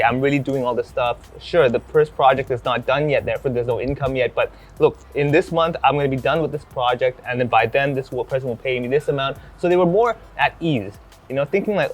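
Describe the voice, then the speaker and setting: With faint music in the background, a thirty-something comedian from Hong Kong talks in a relaxed way, speaking a little fast at medium pitch. He tells stories animatedly and performs bits of dialogue along the way.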